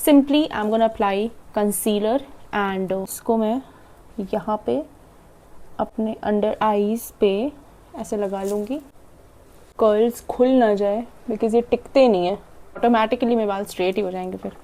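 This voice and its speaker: Young Indian woman, makeup vlogger, mellow tone, quick chatty delivery with swallowed words. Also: medium pitch, fairly even intonation. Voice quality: talks fast and swallows half her words. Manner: chatty, demonstrating while applying makeup. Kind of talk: casual makeup tutorial, Hindi-English mix.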